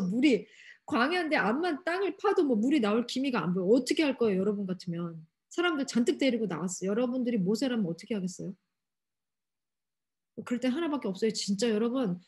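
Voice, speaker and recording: A woman youth pastor giving a lively sermon to teenagers, asking them many questions and acting out quotes. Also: fairly high pitch, husky. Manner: asks the audience many questions, acts out quotes animatedly. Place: church hall.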